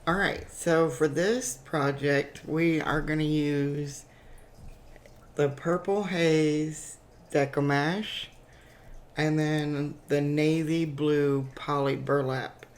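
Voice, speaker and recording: A woman whose low voice is raspy and hoarse from a cold hosts a chatty, step-by-step crafting tutorial, saying "um" frequently.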